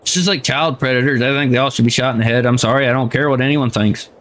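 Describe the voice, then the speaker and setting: A man's voice: medium pitch, fairly even intonation, fast talker, a bit bright. A man streaming a game, ranting heatedly in casual chat and swearing freely. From United States.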